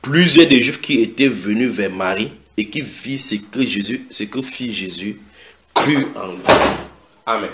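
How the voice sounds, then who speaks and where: A man preaching a sermon, breaking into loud dramatic voices for the people in the story. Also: on the low side, measured pace, reverberant. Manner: dramatic, acts out biblical voices with sudden loud shouts.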